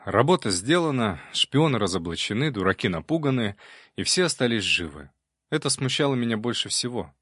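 A man's voice: mid-range voice, very animated, fairly quick, a bit bright, no room sound, studio quality. A man reading a first-person audiobook in a wry, conversational storytelling manner. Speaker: audiobook narrator.

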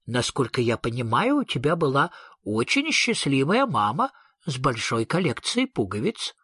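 A gentle, calm storybook mother troll who speaks with mild surprise, voiced by a man. Husky and dry, close to the mic. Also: mid-range voice, moderate pace, no echo, heavily acted.

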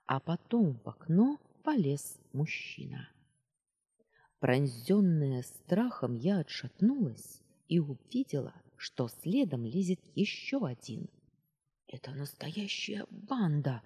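A woman narrating a first-person audiobook in an expressive, ironic storytelling manner. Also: low-pitched, breathy edge, in a large hall.

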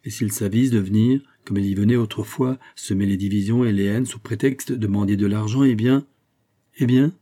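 An old queen mother from a read-aloud novel speaks haughtily and reproachfully. A man gives her a low, dark, husky voice with barely any change from his own. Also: fairly even intonation, normal speed, natural voice. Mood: haughty.

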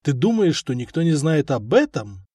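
Cunning old-world merchant, icy calm, voiced by a male narrator. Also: on the high side, normal speed, husky, dry recording. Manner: icy, calculating.

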